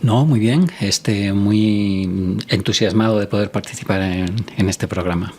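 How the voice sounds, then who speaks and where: A man's voice: fairly low pitch, steady tone, measured pace, a little mellow, slight background noise. A man in his sixties from Spain, a doctor telling his life story as a podcast guest in a reflective way, with many filler words. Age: 60s. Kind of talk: podcast interview.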